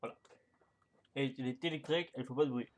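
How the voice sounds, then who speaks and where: A man commenting on his own gameplay in a casual, crude and joking way, going from shouts to mumbles. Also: mid-range voice, fairly even intonation, fast talker, a little hiss or hum. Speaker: gaming YouTuber.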